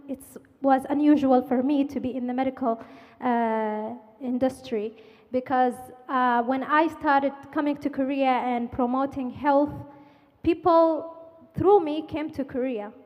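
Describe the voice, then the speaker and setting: A woman from Saudi Arabia asking the panel an earnest, slightly halting question at a forum. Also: sits high. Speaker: audience member asking a question. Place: conference auditorium. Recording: muffled hall reverb.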